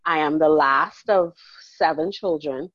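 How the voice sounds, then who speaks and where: A Bahamian woman in her forties, a counselor talking warmly and chattily in an interview, laughing easily. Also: deep voice, measured pace, no room sound, muffled recording. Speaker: counselor and guest. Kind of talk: casual interview conversation.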